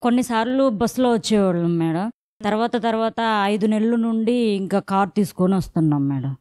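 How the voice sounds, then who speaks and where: A woman's voice: medium pitch, fairly quick, dark tone, dry recording, studio quality. A young woman, earnestly recounting her pregnancy as an interviewee. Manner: addresses interviewer as madam constantly, earnest. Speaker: patient interviewee. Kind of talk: interview testimony.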